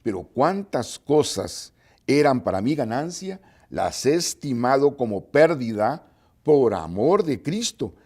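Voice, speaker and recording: A man's voice: mid-range voice, very animated, takes it slowly, a little mellow. A man preaching a TV sermon, reading scripture aloud and asking his listeners rhetorical questions. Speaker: evangelist preacher.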